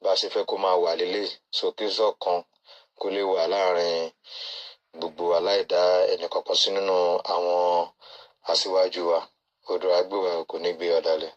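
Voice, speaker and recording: A man's voice: low-pitched, flat delivery, quick pace. A man speaking in a played voice message, making an earnest, pleading appeal to fellow group members. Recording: dull lo-fi voice note.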